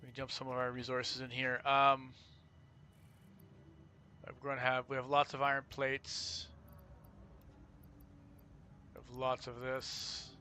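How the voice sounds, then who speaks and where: A man's voice: medium pitch, monotone, takes it slowly, long pauses, pushed and bright, a little hiss or hum. A man streaming a factory-building game, thinking aloud in casual commentary with fillers and restarts.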